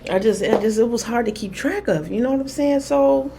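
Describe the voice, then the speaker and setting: A woman's voice: fairly high pitch, brisk, vocal fry, noisy background. A woman talking candidly to camera in a rambling, casual way, full of fillers. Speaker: spiritual vlogger. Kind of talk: casual personal talk to camera.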